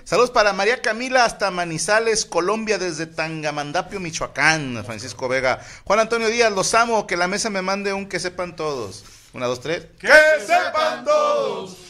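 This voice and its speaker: A man's voice: sits high, lively intonation, brisk. A man with a Mexican accent hosting a casual podcast, reading listener messages aloud with crude jokes. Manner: crude joking, reads shout-outs aloud. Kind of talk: casual group banter.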